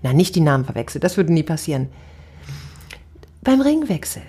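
A middle-aged woman chatting about speaking and weddings in a very husky, mellow voice. She tells her stories animatedly, her pitch leaping up and down. The talk is relaxed and conversational. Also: a little fast. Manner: lively, animated storytelling with big pitch swings. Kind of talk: casual conversation.

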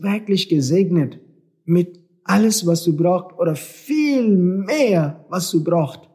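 A mellow, high-pitched male voice belongs to a spiritual teacher giving a sincere talk in German, a language he speaks non-natively. Rhetorical questions and repetition run throughout.

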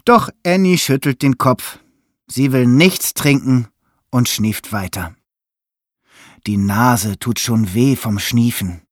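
A man reading a children's story aloud in a lively, expressive way. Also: mid-range voice, slow, no echo, studio quality. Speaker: narrator.

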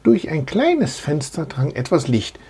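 A man reading a children's story aloud in an expressive, animated way. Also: fairly high pitch, measured pace, slightly rough.

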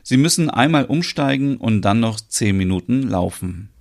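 A man calmly reading out the narration of a story. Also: medium pitch, normal speed, creaky.

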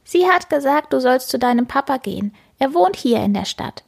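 A woman voicing a friendly, know-it-all female harbor rat in a children's story, with a brisk, reassuring manner. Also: sits high, animated, gravelly, breathy edge, pitched above the performer's own voice, exaggerated voice.

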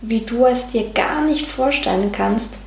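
A woman's voice: a little high, unhurried, gravelly. A woman voicing a loving soul speaking from within. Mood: guiding. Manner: gentle, patient, guiding. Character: loving, reassuring inner voice of a soul. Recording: roomy sound with faint music.

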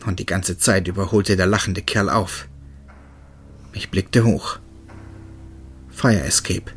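A man narrating a first-person horror story in a steady, tense manner. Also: sits low, slow, soft background music.

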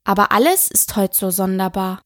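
A woman's voice: mid-range voice, normal speed, a bit bright, no room sound, studio quality, natural voice. A woman voicing a polite, curious young girl who chatters eagerly and apologizes often.

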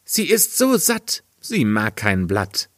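A man's voice: on the low side, wildly swooping pitch, slow pace, a bit bright, no room sound, clean studio sound, exaggerated voice. A man voicing a young tailor's son in a storybook reading, in a raised boyish voice. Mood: eager.

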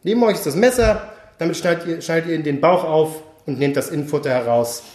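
A cruel overseer of a teddy-bear work camp barks orders and mocks his workers, as a man reads him out. His voice sits a little high and carries a roomy echo. He sounds cold and scornful. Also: quick pace, a little mellow, natural voice. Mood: cold commanding. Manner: commanding, mocking speech to workers.

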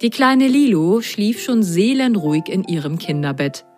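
A woman reading a children's bedtime story aloud in a gentle, unhurried storytelling manner. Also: medium pitch, lively intonation. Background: faint music.

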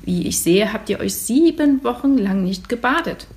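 A woman voicing brisk, bossy little girl Tupi. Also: fairly high pitch, lively intonation, a little mellow. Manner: brisk and commanding.

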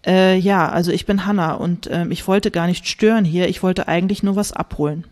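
A woman's voice: lowish voice, fairly even intonation, brisk, darkish tone, close to an everyday voice. A woman reading from her novel, voicing a hesitant, guarded young woman who grows irritated. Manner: hesitant, curt.

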